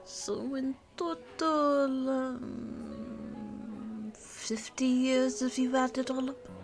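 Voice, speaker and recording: Her voice sits high, creaky and heavily acted as she plays a teasing, worldly vampire girlfriend: pure-blood, ageless, looking twenty-nine. In a musing, reminiscing mood, she speaks unhurriedly in an intimate one-sided ASMR roleplay, pausing with hums before answering while soft music and cafe ambience fill the background.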